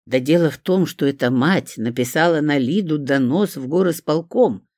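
A reader voicing Ivan Timofeevich, a stately older man and editor who speaks in a measured, sedate, lecturing way. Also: medium pitch, a little mellow, dry recording, studio quality, close to an everyday voice.

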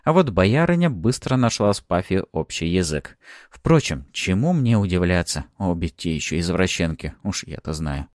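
A man narrating a first-person fantasy audiobook with an ironic, expressive manner. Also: sits low, normal speed, no room sound, clean studio sound.

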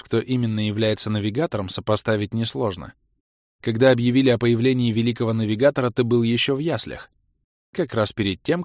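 A sharp-tongued young baroness from an audiobook fantasy tale, proud and grumbling, with a sarcastic edge to her words, as a male narrator reads her. The sound is dry and close, with no room around it. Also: medium pitch, no room sound, close to an everyday voice. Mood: explaining.

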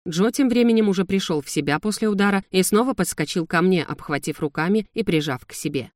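An audiobook reader giving scripted first-person fantasy narration in an even, measured way. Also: mid-range voice, no echo, studio quality.

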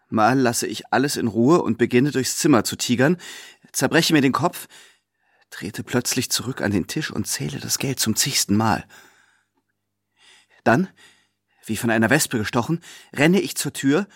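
A man narrating a classic novel in the first person, his voice husky in a medium register. He reads in a measured way, leaning into the drama of each scene. The sound is close and dry, with no room around it. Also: medium pitch, no echo. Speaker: reader.

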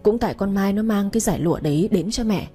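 A woman voicing a domineering middle-aged mother-in-law who scolds loudly in an audio story. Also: mid-range voice, fast, soft background music, lightly acted. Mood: backing down. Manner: scolding, loud.

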